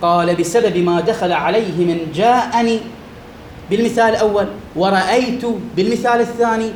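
A man's voice: high voice, fairly even intonation, fairly quick, slight background noise. A man giving a grammar lecture to students, asking questions and answering them himself as he explains. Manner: explains by posing and answering his own questions, addressing students as brothers. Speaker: Arabic grammar teacher. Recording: echoey room.

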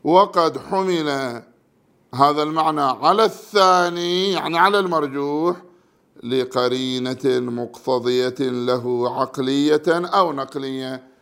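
Male religious studies teacher with a gravelly voice, reading and explaining a textbook point by point. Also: mid-range voice, a bit bright. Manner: measured, reads numbered terms then explains them.

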